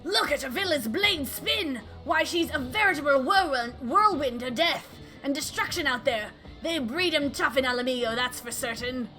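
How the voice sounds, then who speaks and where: Boisterous game arena announcer played by a woman, male showman, theatrical patter, bright forceful delivery. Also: sits high, expressive, normal speed, few pauses, faint music behind. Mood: grandiose, excited. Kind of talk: video game dialogue read aloud in character.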